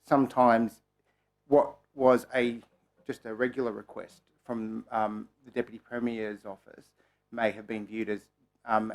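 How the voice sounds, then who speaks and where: An Australian man questioning a witness at a parliamentary committee, polite and halting, with many pauses. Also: medium pitch.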